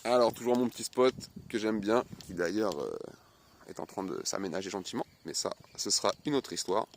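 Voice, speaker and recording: A man casually unboxing and reviewing a replica pistol, chatty and animated, reading off specs with many fillers. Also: on the low side, a little fast, vocal fry, slight background noise. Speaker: airsoft unboxing vlogger.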